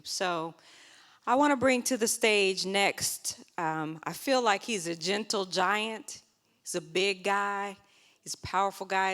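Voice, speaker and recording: A woman hosting a live speaker event, introducing speakers with lively enthusiasm. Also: fairly low pitch. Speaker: event host. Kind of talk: emcee introductions.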